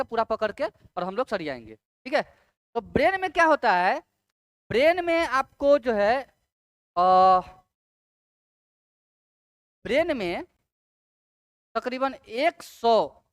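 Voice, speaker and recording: A woman teacher giving an exam-prep science lecture. She repeats key terms slowly, syllable by syllable, and asks rhetorical check questions. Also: a little high, no echo, studio quality.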